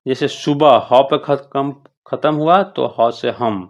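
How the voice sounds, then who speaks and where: A woman's voice: extremely low pitch, slow pace, a little mellow, highs cut off. A woman teaching, explaining a school workbook patiently, repeating words and often checking in with the class.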